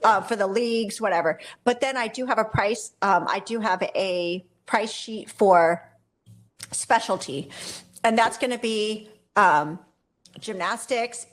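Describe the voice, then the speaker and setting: A woman's voice: mid-range voice, a little slow. A woman talking shop as a guest expert in a casual interview, rambling and correcting herself as she goes, with frequent small laughs. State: briefly coughing and hoarse. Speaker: photography business owner, guest expert.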